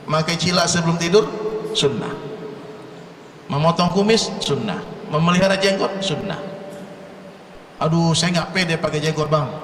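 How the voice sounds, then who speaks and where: A man's voice: a little high, fairly bright tone, echoey room, big-room sound, distant mic, slight background noise. A man from Indonesia preaching to a congregation with humor, talking straight to the crowd and repeating phrases rhythmically. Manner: jokey, addresses the crowd directly, rhythmic repetition. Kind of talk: humorous religious talk to a congregation.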